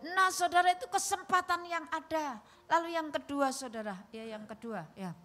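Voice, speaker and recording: A woman preacher tinged delivers an emotional, story-driven sermon to her congregation. Her voice sits a bit high for a woman. Instrumental music plays clearly beneath her in a livestreamed church service. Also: normal speed, fairly bright tone. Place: church hall.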